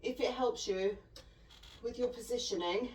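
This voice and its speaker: Slow-paced woman in an echoey room. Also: a little high, far from the mic, slight background noise. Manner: calm, encouraging cues. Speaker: fitness instructor. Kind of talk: follow-along workout instruction. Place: home workout room.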